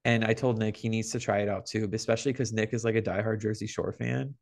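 Gravelly man chatting on a podcast. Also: on the low side, quick pace. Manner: animated, gossipy storytelling. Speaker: podcast co-host. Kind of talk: casual podcast chat.

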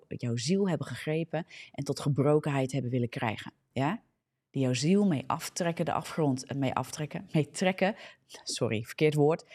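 Low mellow-voiced Dutch woman preaching. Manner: fervent, frequent checking "ja?", restarts and self-corrections. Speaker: preacher hosting a live morning prayer broadcast. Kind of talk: preaching a live social media sermon.

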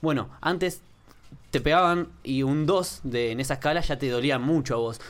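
Animated Argentine man telling stories. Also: mid-range voice, moderate pace. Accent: Argentine Spanish. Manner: animated storyteller, swears casually. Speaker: podcast co-host. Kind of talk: casual conversation.

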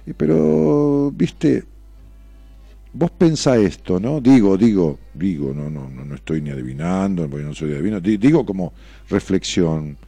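A man's voice: low voice, a little slow, vocal fry, mellow, breathy edge, dry recording, soft background music. A middle-aged man with a Rioplatense Argentine accent, hosting a radio call-in talk show, reading listener messages and answering them sarcastically and provocatively, swearing freely. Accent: Rioplatense Argentine Spanish. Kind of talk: blunt on-air commentary reading messages.

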